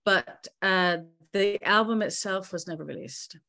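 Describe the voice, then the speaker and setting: An older woman from Newfoundland speaks at a middling pitch in a loose, candid way. She restarts phrases and leans on fillers as she recalls things. The sound is a plain laptop mic on a video call in a bright home room. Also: measured pace. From Newfoundland, Canada. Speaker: musician guest. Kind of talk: casual interview over video call.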